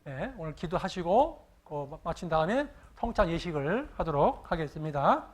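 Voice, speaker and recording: A pastor telling a sermon story in an animated way, often asking the congregation questions. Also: male voice, on the high side, normal speed.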